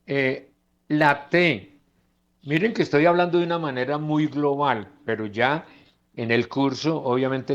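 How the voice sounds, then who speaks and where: A man teaching English phonetics in a lecture, slowly modelling English words aloud as he goes through slides. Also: medium pitch, lo-fi sound.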